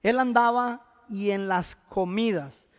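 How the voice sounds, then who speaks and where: A man's voice: high-pitched, slow, smooth, long reverb tail. A man preaching a sermon as pastor, speaking conversationally and addressing the congregation directly.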